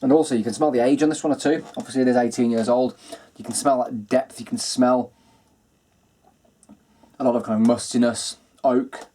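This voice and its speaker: A man hosting a casual whisky review video, talking in a relaxed, chatty way with lots of ums and kinds of. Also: medium pitch, moderate pace, long pauses.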